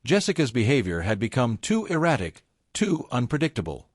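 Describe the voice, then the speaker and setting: Man narrating a story with lively pitch. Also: a little fast, no room sound, studio quality. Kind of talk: scripted first-person story narration.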